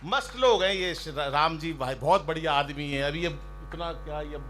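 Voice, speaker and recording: A man's voice: a little high, moderate pace, crowd noise, noisy background. A man in his fifties on a poetry stage, a comic poet teasing the audience in a chatty way. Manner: teasing, chatty, acts out voices in jokes. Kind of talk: stand-up comic poetry banter. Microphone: stage mic.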